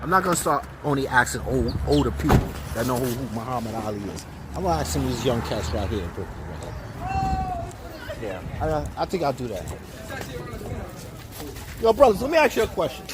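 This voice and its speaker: A man's voice: mid-range voice, wildly swooping pitch, a little fast, pauses often, heavy background noise. A man filming casual street interviews on a handheld phone, talking in chatty street slang, out on city streets and in a car. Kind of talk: casual street vox pop.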